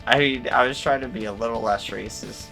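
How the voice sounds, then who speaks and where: A man co-hosting a gaming podcast in casual chat, animated and laughing often. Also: mid-range voice, fairly quick, creaky, faint music behind. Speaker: podcast co-host.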